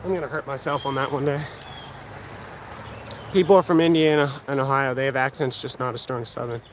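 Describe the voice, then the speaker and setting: This young adult host of an outdoors channel is eighteen and speaks with a Pennsylvania accent, answering livestream viewers' questions as he does archery outside. He has a mid-range voice with fairly even intonation and a slightly quick delivery. There's a faint hum of outdoor background noise.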